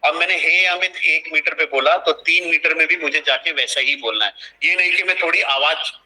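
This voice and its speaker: This young man's voice is fairly high, brisk, pushed and bright, captured on a poor-quality recording. As an online trainer in a live screen-share session, he explains a task to his team over video, going back over every instruction.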